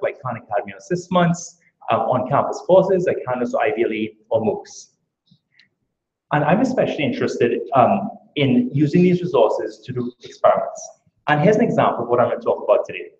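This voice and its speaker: In a lecture room, a man from Trinidad and Tobago gives an academic conference talk at a rapid clip, brisk and earnest, explaining by posing rhetorical questions to his audience. His Trinidadian-accented voice sits in a medium pitch with a darkish tone. The room is echoey and the recording sounds somewhat muffled.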